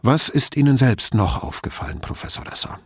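A man voicing a calm, probing male police commissioner asking questions in an audiobook. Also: mid-range voice, pitched above the performer's own voice, lightly acted. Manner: measured, questioning.

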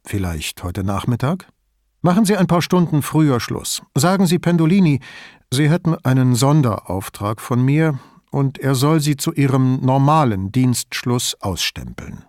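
A man voicing an older male police commissioner who speaks calmly and wryly. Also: medium pitch, moderate pace, no room sound, lightly acted. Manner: calm, dry, wry. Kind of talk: audiobook character voice.

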